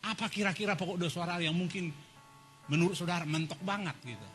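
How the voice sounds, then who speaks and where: A man preaching a sermon as pastor, animated, swinging between loud and soft and acting out quoted voices. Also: high voice, fast, soft background music.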